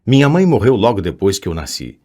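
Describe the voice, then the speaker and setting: A man's voice: lowish voice, very animated, fairly quick, dark tone. A man voicing a polite, nervous teenage boy student who speaks respectfully in an audiobook. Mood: polite, tense. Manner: respectful, tense.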